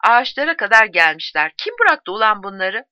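A woman's voice: mid-range voice, sing-song, fairly quick, pushed and bright, dry recording, dull audio. A woman reading aloud, voicing a hardened male soldier who barks and scolds his comrade. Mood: alarmed. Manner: barking, scolding.

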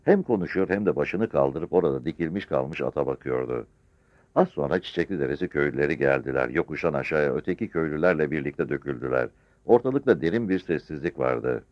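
A man with a very low voice narrates an audiobook with lively, expressive intonation. The recording is dull and lo-fi, with dry, close sound. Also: fast, dry recording. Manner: expressive storytelling reading.

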